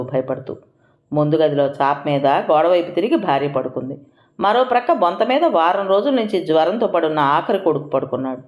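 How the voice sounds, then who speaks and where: Woman narrating a story in a roomy echo. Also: a little mellow. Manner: acts out dialogue lines with raised pitch. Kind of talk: scripted narration of an audio story.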